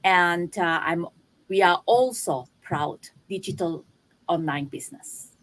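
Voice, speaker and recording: Slow, hesitant older woman. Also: on the low side, poor audio. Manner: hesitant, with fillers. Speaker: panelist. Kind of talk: online panel introduction.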